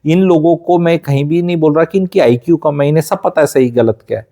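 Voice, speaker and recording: A man's voice: on the high side, quick pace, mellow. A man from India giving life advice in an emphatic, lecturing way, dropping English phrases into his talk.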